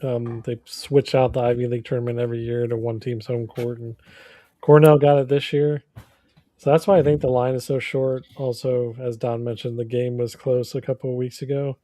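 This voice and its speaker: A man in casual betting chat, calmly laying out the context behind his pick. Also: medium pitch, moderate pace, dry recording. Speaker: co-host.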